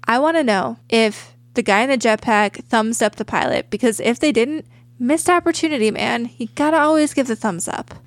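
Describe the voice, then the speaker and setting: A woman's voice: a little high, moderate pace, dry recording. A woman chatting casually as a podcast co-host, with an informal, speculative storytelling manner. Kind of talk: casual chat.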